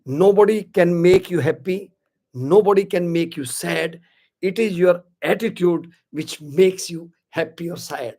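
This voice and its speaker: With a high-pitched, mellow voice and drawn-out words, a webinar host in his sixties leads a live motivational session in Hindi and English for social media. He has an Indian accent, stays upbeat, and welcomes viewers by name, calling them "my dear friends."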